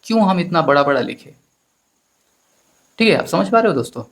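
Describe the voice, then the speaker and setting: A man's voice: a little high, big pitch swings, fairly quick. A man teaching a maths lesson in Hindi with an Indian accent, explaining step by step and often addressing his students as friends. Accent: Hindi-speaking Indian.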